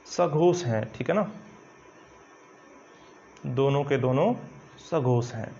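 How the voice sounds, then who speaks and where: A man's voice: mid-range voice, slow pace, dark tone, slight background noise. Male Hindi teacher, dull lo-fi sound. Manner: explanatory, repeats "ठीक है ना" often, hesitant fillers. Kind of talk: online coaching lesson at a whiteboard. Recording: dull lo-fi recording.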